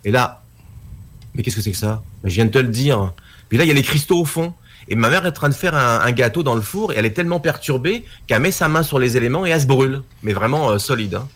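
A man's voice: medium pitch, quick pace. A middle-aged man, a guest documentary maker, telling a story casually and acting out the voices of the people in it. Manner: animated storytelling, acts out quoted dialogue.

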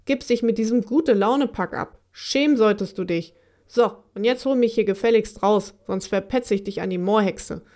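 A woman's voice: medium pitch, normal speed, dark tone, natural voice. A woman voicing a whiny, hairy male mock monster who shrieks and scolds in a children's audiobook. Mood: angry.

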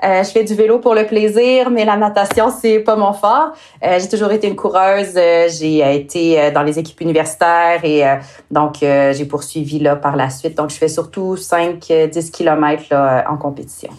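A woman with a Québécois accent, speaking as a guest in a casual podcast interview, pausing often with filler sounds. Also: fairly low pitch, fairly even intonation, a little mellow, slight background noise. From Quebec. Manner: hesitant, many filler sounds, drawn-out phrasing. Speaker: sports nutritionist guest.

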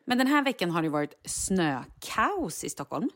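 A woman's voice: lowish voice, big pitch swings. A woman in her forties co-hosting a chat show, talking in an easygoing way about time spent with her son and laughing along. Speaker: podcast co-host. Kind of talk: casual chat.

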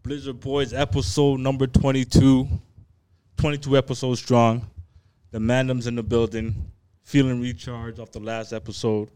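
A man's voice: mid-range voice, level tone, normal speed, dark tone, clean tone. A man with a Toronto accent hosting a podcast, bantering in slang with friends and repeating his phrases. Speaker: podcast host.

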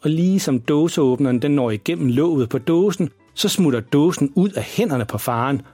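A man narrating a children's audio story in a calm, even storytelling manner. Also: on the high side, slightly rough, dry recording, faint music behind.

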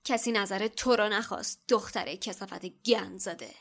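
A woman's voice: mid-range voice, a bit bright, lightly acted. A woman voicing a smug, spoiled rich schoolboy with a sneering, self-satisfied manner. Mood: nasty.

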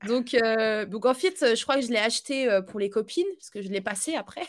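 A woman guest on a podcast, talking casually about her life in a halting way full of fillers and restarts, and laughing easily. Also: on the high side. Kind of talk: casual conversational interview.

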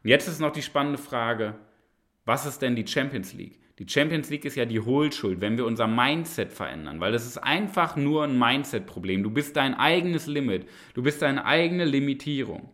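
A man's voice: medium pitch, lively intonation, moderate pace, fairly bright tone. A man hosting a podcast, delivering a preachy, emphatic motivational monologue and repeating phrases with rhetorical tag questions. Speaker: podcast host.

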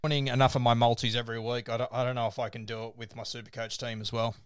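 A man's voice: mid-range voice, flat delivery, very fast, clean tone, dry recording, clean studio sound. A man with an Australian accent hosting a casual sports discussion and moving through a ranked list. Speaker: podcast host.

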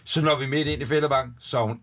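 Man, podcast guest, animated casual storyteller. He jumps into voices and laughs mid-sentence. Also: mid-range voice. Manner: animated anecdote telling with laughter and acted-out voices.

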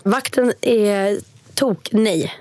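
Animated Swedish-speaking woman telling a story. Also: mid-range voice, dry recording. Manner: animated, quotes people in lively voices. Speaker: storyteller guest. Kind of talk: casual storytelling chat.

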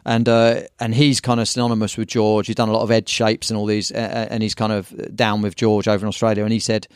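Casting: English man, rapid rambling storyteller, slangy, dry close mic. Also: fairly low pitch, little pitch movement, clean tone, no room sound. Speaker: guest, surf magazine owner. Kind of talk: casual podcast chat.

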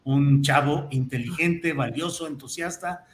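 Mexican male host in a roomy space. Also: a little slow. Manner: effusive, wordy, formal courtesy. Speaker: program host. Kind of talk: conversational interview hosting. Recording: roomy echo, faint rumbling noise.

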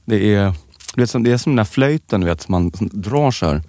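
A man co-hosting a podcast, telling stories in a joking, animated way. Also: fairly low pitch, dry recording, studio quality. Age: adult with children. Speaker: podcast co-host. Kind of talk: casual podcast chat.

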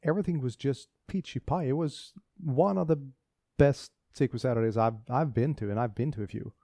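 A man's voice: mid-range voice, brisk, creaky, dark tone, no echo, clean studio sound. A man co-hosting a casual tech podcast, talking with enthusiasm and frequent restarts. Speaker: podcast co-host.

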